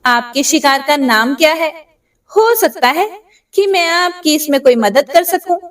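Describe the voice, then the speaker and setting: A woman's voice: sits high, lively intonation, measured pace, far from the mic. A woman voicing a simple, determined hunter man who speaks eagerly and earnestly in a told story.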